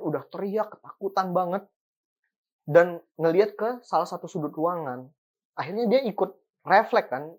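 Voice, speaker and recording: A host telling a ghost story in a chatty, casual way, full of fillers and building suspense. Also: mid-range voice.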